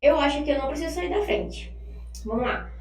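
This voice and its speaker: A woman's voice: high-pitched, expressive, recorded from a distance. Chatty woman teacher in an echoey room. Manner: chatty, drills phrases slowly for repetition. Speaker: English teacher. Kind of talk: online English lesson. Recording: echoey room, voice from off-mic, faint hum.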